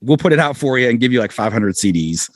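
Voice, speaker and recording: A middle-aged man, guesting on a podcast, chats casually and rattles off self-deprecating anecdotes, acting out the quotes as he goes. His mid-range voice is expressive and fast, and the recording has no echo.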